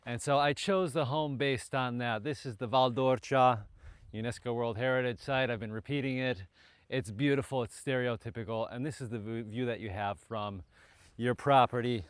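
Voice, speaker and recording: A man's voice: mid-range voice, fairly even intonation, moderate pace, clean tone, dry recording. Enthusiastic man guiding a countryside tour. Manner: enthusiastic tour-guide talk with fillers. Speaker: travel and real estate vlogger. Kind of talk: casual travel vlog narration. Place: outdoors in hilly countryside.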